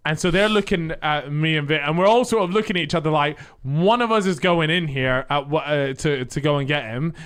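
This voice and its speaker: English guy, slightly high voice, bantering co-host who jumps in. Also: brisk, few pauses, a bit bright, smooth. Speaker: podcast co-host. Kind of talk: casual chat.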